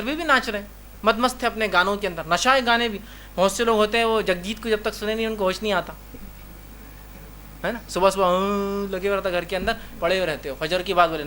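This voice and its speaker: A man's voice: sits high, pushed and bright, a little hiss or hum. A man giving a religious lecture. He talks emphatically, keeps repeating "remember" and acts out short dialogues in his examples. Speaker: Islamic preacher.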